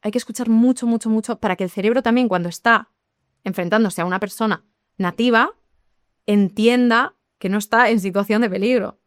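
Lively woman explaining. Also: fairly high pitch, brisk, no echo, clean studio sound. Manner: lively, explanatory, addresses listeners directly. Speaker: English teacher. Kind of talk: podcast conversation.

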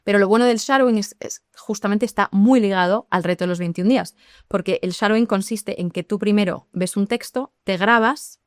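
Lively woman explaining. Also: medium pitch, no room sound, clean studio sound. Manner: lively, explanatory, addresses listeners directly. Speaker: English teacher. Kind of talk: podcast conversation.

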